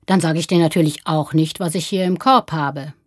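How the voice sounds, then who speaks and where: A gentle older man coaxing a frightened boy, voiced by a woman reading aloud. The voice stays low, soft and husky. The recording is close and dry. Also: fairly even intonation, moderate pace, dry recording.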